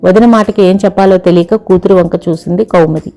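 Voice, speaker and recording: A woman reading a family story aloud as the narrator of an audiobook channel, steady and expressive. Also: lowish voice, fairly quick, faint music behind.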